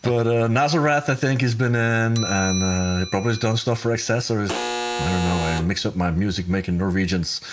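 A chatty man hosting a podcast in a slightly low voice. He rambles along in casual conversation, often restarting his sentences and breaking into laughs. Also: brisk, very noisy. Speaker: podcast host. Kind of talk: casual chat.

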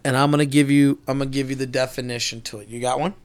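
A man's voice: medium pitch, fairly even intonation, quick pace. A man co-hosting a podcast in casual chat, joking and swearing freely as he teases his friend. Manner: joking, profane, teasing. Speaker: podcast co-host.

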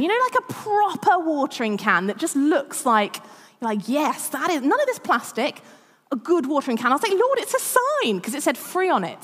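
A woman's voice: sits high, a bit bright, long reverb tail. A woman in her thirties preaching a sermon, chatty and self-deprecating, often laughing at herself. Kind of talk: sermon with personal stories.

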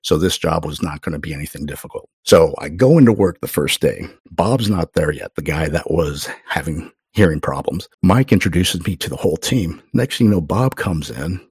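Man, middle-aged, very deep voice, husky, dry close sound, casual storyteller, acts out quotes. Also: lively intonation, normal speed, few pauses, a little mellow, no echo. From Oklahoma. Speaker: podcast guest.

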